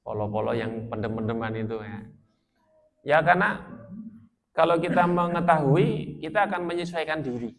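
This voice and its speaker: A man's voice: fairly high pitch, lively intonation, moderate pace, creaky, long pauses. A man from Central Java with a Central Javanese accent, preaching in a chatty, joking way and asking the audience questions. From Magelang, Central Java. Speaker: Islamic preacher. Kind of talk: sermon to a village gathering.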